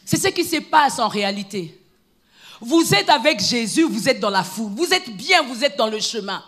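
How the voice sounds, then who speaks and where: A woman preacher giving a fervent sermon in church, moving between low, hushed stretches and loud, repeated calls to her congregation. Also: very animated, moderate pace. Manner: fervent, repetitive, shouting exhortations.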